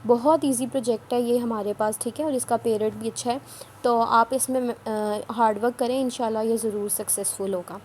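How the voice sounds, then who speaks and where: Woman with a mellow voice giving app instructions. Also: a little high, steady tone, normal speed, slight background noise. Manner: repetitive, instructive, a bit scolding. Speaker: online work trainer. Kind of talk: screen-recorded tutorial.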